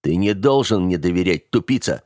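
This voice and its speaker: A man's voice: deep voice, lively intonation, normal speed, darkish tone, no room sound, clean studio sound. A man reading an audiobook, voicing a prickly, mistrustful young man who snaps sarcastically. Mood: angry. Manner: snappy and sarcastic.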